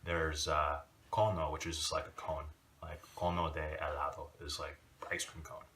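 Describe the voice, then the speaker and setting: A man giving a casual video lesson, talking in a relaxed, rambling way with many fillers. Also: rumbling low, moderate pace, recorded from a distance, a little hiss or hum. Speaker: language teacher.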